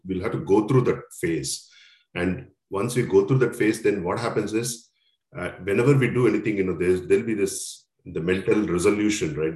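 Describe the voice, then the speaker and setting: A man with an Indian accent and a very low voice leads a casual discussion. He speaks haltingly, checking in with his listeners as he goes. The sound is clearly echoey. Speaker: discussion moderator.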